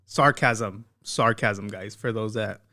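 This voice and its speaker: A man's voice: on the low side, takes it slowly, sharp tone, slight background noise. A man hosting a reaction commentary, talking casually with sarcasm, slang and frequent laughter. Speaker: commentary host.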